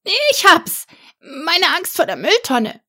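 A woman voicing a timid, sniffling little male dragon with a high, fearful voice in a storybook reading. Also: lively intonation, slow, vocal fry, a bit bright, no room sound, studio quality, exaggerated voice.

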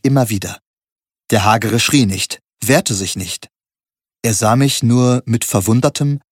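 A man giving a steady, measured first-person audiobook narration. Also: fairly low pitch, slightly rough, dry recording, studio quality.

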